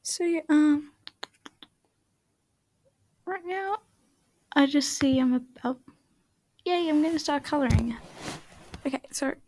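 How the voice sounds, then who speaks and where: A woman with a high voice talks slowly through a relaxed voice-over while she draws. Her chat rambles and often sinks to a half-whisper, and the sound is dry and close. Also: no echo. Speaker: art channel creator. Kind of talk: casual voice-over while drawing.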